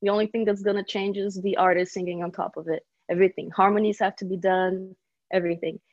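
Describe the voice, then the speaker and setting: A woman's voice: medium pitch, flat delivery, fast, dry recording. Laughing young woman, dull dry audio. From Bulgaria, raised in Brazil. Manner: laughs often, chatty and upbeat. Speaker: guest singer-songwriter. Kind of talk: casual podcast chat.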